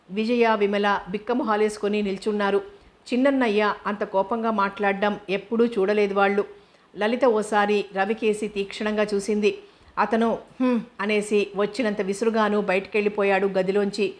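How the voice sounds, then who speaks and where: A woman narrating a novel as an audiobook in a steady, measured way. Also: mid-range voice.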